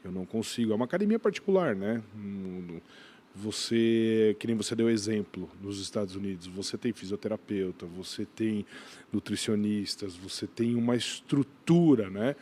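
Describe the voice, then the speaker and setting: A gym brand owner with a Brazilian accent answers questions as a podcast guest in casual conversation, often restarting phrases, repeating words, and tacking on short tag questions. His voice is low and dark, with lively intonation at a moderate pace.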